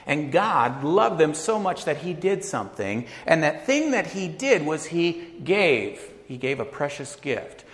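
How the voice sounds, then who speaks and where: A man's voice: on the high side, sing-song, measured pace, hardly any pauses, fairly bright tone. Earnest preacher man in a reverberant space. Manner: dramatic poem recitation opening into earnest teaching; emphatic, repeats key phrases. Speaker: pastor. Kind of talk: sermon.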